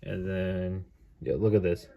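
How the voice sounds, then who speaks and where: A man's voice: sits low, little pitch movement, measured pace, creaky, dull audio. A man hosting his own vlog, rambling with lots of filler words, dejected and sighing as if close to tears. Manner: rambling, full of "like" fillers and restarts. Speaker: model train hobby channel host. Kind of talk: casual vlog monologue. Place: at home, by a staircase.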